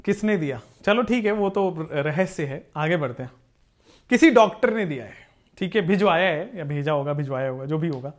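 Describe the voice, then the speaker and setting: Chemistry sir teaching live online, voice jumps all over, keeps joking with the kids. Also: male voice, on the high side, moderate pace. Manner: animated, joking, talks to students as "beta". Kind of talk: live online class lecture.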